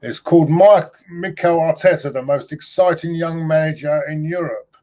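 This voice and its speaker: A man with a fairly high, warm voice hosts a casual football chat show, reading out news items and questioning his guest. He speaks haltingly, with frequent fillers.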